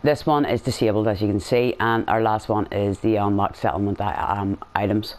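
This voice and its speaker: A man's voice: on the low side, fairly even intonation, brisk. A man giving casual game commentary as a video host, rambling, blunt and slangy.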